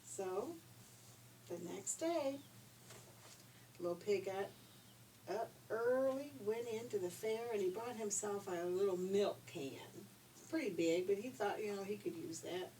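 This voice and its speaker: An older woman tells children stories in an informal, folksy, conversational manner, her mid-range voice warm and unhurried. The microphone sits at a distance, with faint noise behind her.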